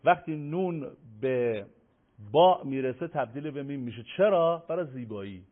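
A man's voice: medium pitch, lively intonation. Recitation teacher, male, stretches and chants sample words, thin phone-like sound. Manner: drawn-out sung demonstrations of example words. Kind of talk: explaining recitation rules on a broadcast. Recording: narrow phone-like broadcast audio.

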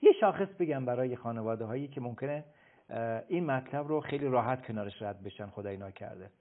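A man's voice: mid-range voice, expressive. Emphatic lecturing man on phone-like radio. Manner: emphatic, lecturing, often hesitating with filler sounds. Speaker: guest expert on child behavior. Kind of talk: radio talk-show explanation.

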